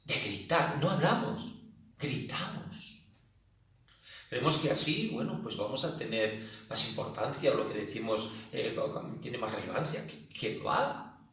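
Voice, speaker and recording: A man's voice: medium pitch, lively intonation, normal speed. A man with an accent from Spain leads a class for older people in a loose, conversational way, circling back to repeat his points. He sounds a little distant from the microphone. Strong room echo hangs around every word. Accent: Spanish from Spain. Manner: chatty, repeats himself, acts out loud shouting. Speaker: senior exercise instructor. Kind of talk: casual spoken talk to an online class. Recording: very echoey room, voice a bit far from the mic.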